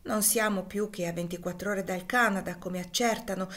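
Woman reading a tender hopeful young mom, emotional, audiobook style, mid pitch. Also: steady tone, moderate pace, fairly bright tone, lightly acted. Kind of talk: audiobook dialogue.

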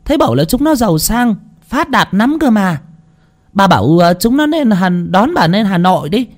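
A man voicing a frantic old village woman neighbor, shouting urgently into a deaf friend's ear. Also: sits high, big pitch swings, moderate pace, voice pushed up.

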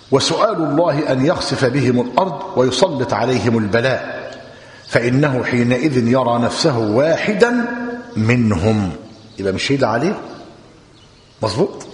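A man with an Egyptian Arabic accent giving a classroom religious lesson, dictating notes and quizzing his students in a lively teacherly way. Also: mid-range voice. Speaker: sheikh teaching a book commentary. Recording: long hall reverb.

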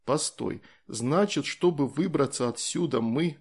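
Man doing a worried curious boy, questioning, gravelly, audiobook reading. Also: mid-range voice, a little slow.

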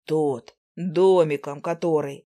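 A woman's voice: low voice, fairly even intonation, slow, warm tone, voice pushed down. A woman doing a pushy, hungry customer man. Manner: insistent, blunt, drawling. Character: hungry, pushy young man buying gingerbread.

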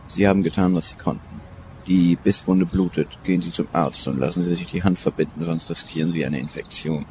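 A man voices an older professor of Egyptology in a radio play. He speaks in a very low voice, measured and in command. A faint hiss runs under it. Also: steady tone, darkish tone, close to an everyday voice. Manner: measured, authoritative.

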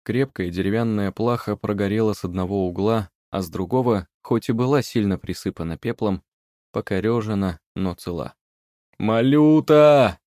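A man calmly reading a fairy-tale audiobook as narrator. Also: fairly low pitch, moderate pace, no room sound, clean studio sound.

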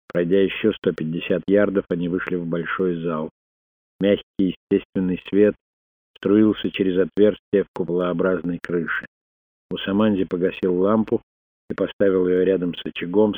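A man narrating a thriller audiobook in a steady, even reading voice. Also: deep voice, moderate pace, slightly rough, no room sound. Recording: dry, phone-like narrow sound.

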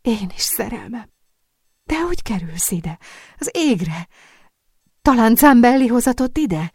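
A woman reading the part of a gentle, devoted young man held in chains, speaking tenderly. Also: fairly high pitch, sing-song, breathy edge, no echo, clean studio sound, pitched above the performer's own voice, full character voice. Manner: tender, gentle, soon sharp.

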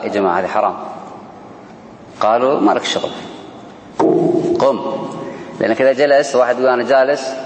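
A man teaches a religious lesson, talking quickly in a lowish voice. He acts out the people he quotes, with sudden pitch jumps. He is recorded in a roomy hall with a long echo and faint background noise. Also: a little mellow. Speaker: sheikh teaching a book on worship.

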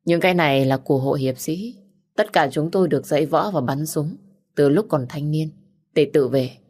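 A woman voicing a calm, firm male doctor. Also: sits low. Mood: steady. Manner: steady, measured explaining. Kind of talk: audiobook character reading.

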